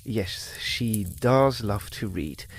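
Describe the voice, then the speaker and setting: Playing the earnest young farmer suitor Walter Markham in an old-time radio drama, a man politely asks a father for his daughter's hand. He uses a full character voice that is fairly low, gravelly and breathy-edged, with lively intonation, delivered extremely slowly.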